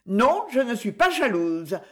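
A woman voicing a talkative, jealous village washerwoman who speaks in a shrill, quick-tongued way. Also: big pitch swings. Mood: teasing.

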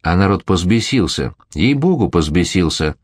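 A man's voice: low voice, very animated, moderate pace, dry recording, studio quality. A man reading the lines of a desperate old miller, who pleads and calls out to the crowd. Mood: pleading loudly. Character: desperate old male miller, former master.

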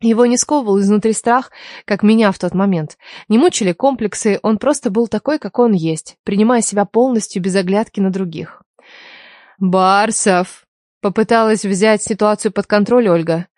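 A woman narrating a first-person novel as an audiobook, in an even storytelling read. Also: medium pitch, brisk, dry recording, clean studio sound.

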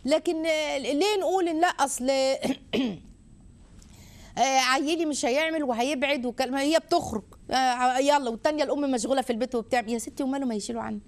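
An Egyptian woman hosting a live religious advice show. She exhorts and gently teases her callers in an animated way. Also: high voice, quick pace. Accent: Egyptian Arabic. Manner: animated, exhorting, warmly teasing. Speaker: host answering viewer questions.

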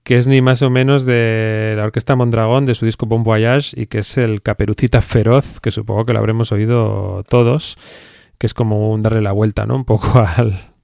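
A man's voice: on the low side, level tone, moderate pace, gravelly, darkish tone, no echo, clean studio sound. A man from hosting a radio show in loose, casual chat and laughing easily.

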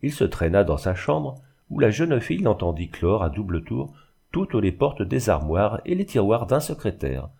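A man reading a classic novel aloud in measured scripted narration. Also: lowish voice, big pitch swings, creaky, mellow, breathy edge. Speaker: audiobook reader.

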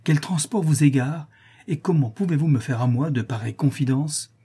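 A man voicing a stern older baron, a father speaking in a measured, cold way. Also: fairly high pitch, dark tone, breathy edge, pitched above the performer's own voice. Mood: grave.

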